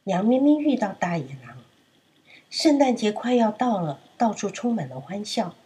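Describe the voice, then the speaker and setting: A woman narrating a children's story in an expressive, sing-song manner. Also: medium pitch, moderate pace, breathy edge.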